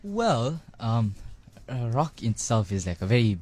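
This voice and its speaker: A man's voice: mid-range voice, very animated, measured pace, a little mellow, breathy edge. An eighteen-year-old man, answering radio interview questions hesitantly with many ums and likes. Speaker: band drummer, guest. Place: radio studio.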